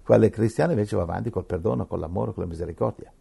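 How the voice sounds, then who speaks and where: A man preaching a sermon, emphatic, swinging between loud rhetorical questions and quiet asides. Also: on the low side, very fast, vocal fry, husky.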